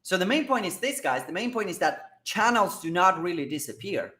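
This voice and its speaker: A man hosting casual business commentary on advertising, energetic and excitable, often checking in with "all right?" and "guys". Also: sits high, fairly quick, reverberant. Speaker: marketing host.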